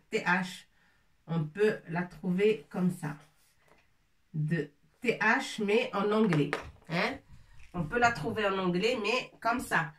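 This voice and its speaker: Slow patient woman teaching, echoey room. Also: mid-range voice, fairly bright tone, distant mic, a little hiss or hum. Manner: patient, repeats words, spells out sounds. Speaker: Arabic teacher. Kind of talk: slow language lesson.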